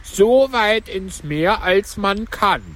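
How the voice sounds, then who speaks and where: Man doing a high, weepy female mock turtle. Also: slow pace, exaggerated voice. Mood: excited. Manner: high, sing-song and excitable. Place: outdoor park bench by a river.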